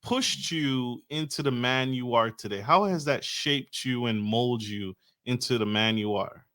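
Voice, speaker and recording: A podcast host with a medium, slightly bright voice and unhurried pace runs an interview effusively. He delivers big, enthusiastic introductions and trips over names.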